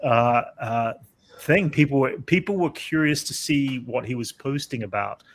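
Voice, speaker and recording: A man's voice: medium pitch, moderate pace. Man rambling through a casual chat. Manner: rambling, hesitant, lots of fillers and restarts. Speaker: podcast host. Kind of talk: casual pop-culture chat.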